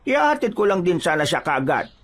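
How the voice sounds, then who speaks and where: A man's voice: high-pitched, very animated, fast talker, fairly bright tone, pitched above the performer's own voice, exaggerated voice. A man voicing an old male forest hermit who is friendly on the surface but sinister, talking in a folksy, hesitant way full of fillers. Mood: wheedling. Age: older.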